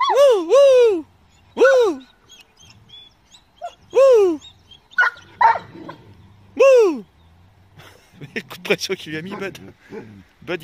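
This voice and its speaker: A man vlogging casually to his viewers outdoors, excitable, swearing often and talking to his dogs. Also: fairly high pitch. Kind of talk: casual vlog talk to viewers. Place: outdoors by a road, then at a van with dogs. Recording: noisy outdoor vlog recording.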